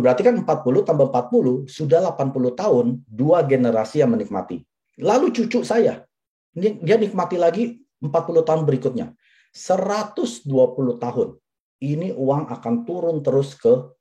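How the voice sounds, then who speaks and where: A man's voice: medium pitch, mellow. A man in his forties giving a persuasive seminar talk, addressing the audience directly and repeating his key points. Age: 40s. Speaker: business presenter.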